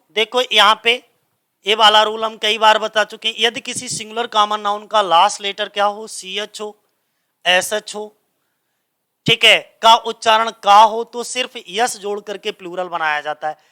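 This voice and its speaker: A man's voice: high-pitched, fairly even intonation, normal speed, pushed and bright, clean tone. A man teaching English grammar in a coaching class, speaking. He keeps asking the class a question and then answering it himself.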